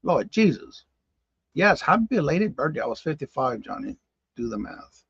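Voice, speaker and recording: A man's voice: fairly high pitch, very animated, moderate pace, vocal fry, fairly bright tone, husky, dry recording, highs cut off. A man in his fifties hosting a casual live-stream morning show, chatting with viewers by name and exclaiming in disbelief. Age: 50s. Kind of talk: casual live-stream chat reading comments.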